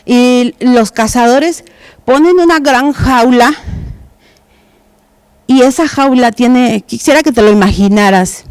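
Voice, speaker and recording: Woman preacher, sermon delivery, slow and halting with lots of fillers, dry close sound. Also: fairly high pitch, a little mellow, clean tone, no echo. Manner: hesitant, many fillers and restarts. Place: church.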